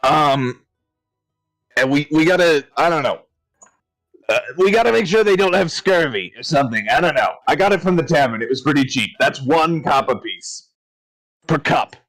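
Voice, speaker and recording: A man's voice: fairly high pitch, animated, moderate pace, fairly bright tone, no room sound, poor audio. A man playing a thrifty male tavern keeper who rambles on, chatty and fussy about his mugs, in a tabletop game.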